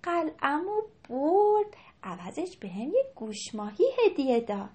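High squeaky little girl in a storybook, swoops all over, eager and touchy, a lady doing the voice. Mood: musing. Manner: high, excited, cries out loud at times.

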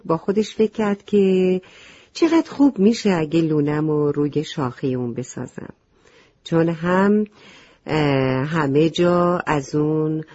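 A woman gently reading a children's story aloud, talking directly to the children listening. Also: sits low, dry recording. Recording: slightly muffled lo-fi recording.

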